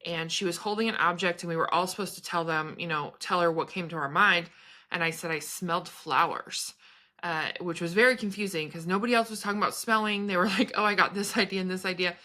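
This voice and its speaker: Bright-voiced chatty woman vlogger. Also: lowish voice, steady tone, a little fast. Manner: chatty, meandering, laughs between thoughts. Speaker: spiritual vlogger and business coach. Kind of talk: casual chat to camera.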